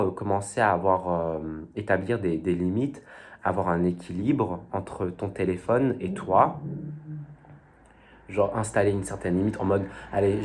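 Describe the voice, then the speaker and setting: A man's voice: lowish voice, darkish tone. A young man talking casually to his viewers, rambling and hesitant, full of fillers and youthful slang. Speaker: vlogger. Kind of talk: casual talk to camera.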